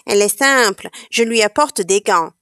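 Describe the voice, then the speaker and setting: A woman voicing a smug young male sorcerer who boasts quickly of his plan. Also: mid-range voice, bright, forceful tone, no echo, clean studio sound. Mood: boastful.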